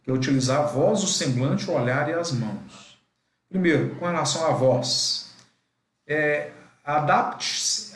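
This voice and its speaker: Brazilian male teacher, slightly high voice, didactic, echoey room. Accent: Brazilian Portuguese. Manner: didactic, addresses students as "gente". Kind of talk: live online class.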